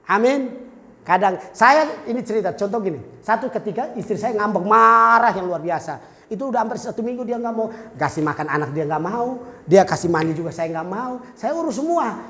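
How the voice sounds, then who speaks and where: A man preaching a sermon in a church, telling lively stories full of acted-out dialogue and jokes. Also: sits high, roomy sound, in a large hall. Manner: animated storytelling, acting out dialogue and jokes. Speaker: pastor.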